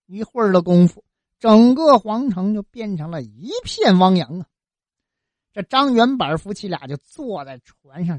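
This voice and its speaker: A woman tells an old folk tale with a lively, colloquial manner. She throws in interjections and little sound effects, and her pitch swings widely. Her voice sits a little low, and the sound is close and dry. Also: no room sound. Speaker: storyteller.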